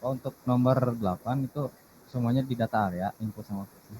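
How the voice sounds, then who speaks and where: A young man, a student, asking his teacher questions in a hesitant, halting way, often pausing with fillers. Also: mid-range voice, mellow, slight background noise, low-quality recording.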